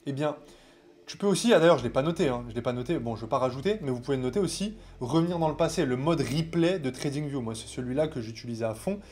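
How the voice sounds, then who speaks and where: A man with a French accent coaching viewers on trading, talking casually and directly to the camera with animated, familiar asides. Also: medium pitch, fast talker.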